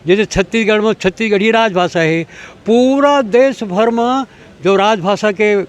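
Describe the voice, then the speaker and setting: An older language activist with a Chhattisgarhi accent gives impassioned interview answers in a high, raised voice at a measured pace. He lectures forcefully and keeps firing rhetorical questions at his listener, while vehicles pass behind him outdoors.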